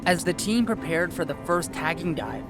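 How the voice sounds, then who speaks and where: Higher-pitched young man narrating a nature documentary. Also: animated, moderate pace. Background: music bed under the voice.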